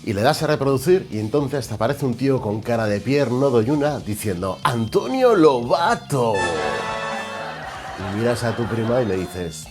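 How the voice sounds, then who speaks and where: A man with a Spanish accent from Spain, hosting a show with an exaggerated comic monologue and mock shouting asides. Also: mid-range voice, a little fast, few pauses, over music. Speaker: host.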